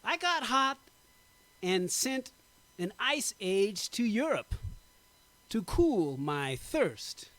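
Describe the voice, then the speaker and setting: A man giving a dramatic poetry recitation, slow and emphatic, drawing out his words. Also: big pitch swings, a bit bright. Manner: slow, emphatic, drawn-out delivery with big pitch swings. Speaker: poetry performer.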